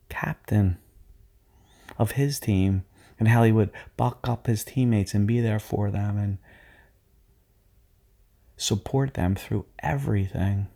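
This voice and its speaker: A man working as a sports performance coach, leading athletes through a guided visualization in a slow, soothing, hypnotic way. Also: lowish voice, gravelly, mellow.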